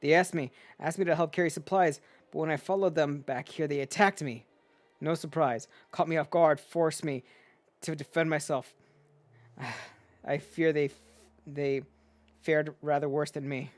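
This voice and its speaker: A man voicing a calm, earnest young male scholar. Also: on the high side, measured pace, lightly acted.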